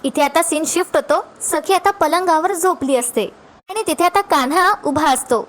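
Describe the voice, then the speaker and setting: A woman recapping a TV serial episode as a lively storyteller who keeps calling on her friends to watch what happens. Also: very high voice, moderate pace.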